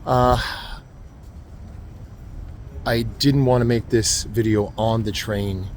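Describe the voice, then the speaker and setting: A man who teaches martial arts, telling a story to camera in an earnest, halting way, full of ums and uhs, at a train station. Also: fairly low pitch, fairly even intonation, slight background noise.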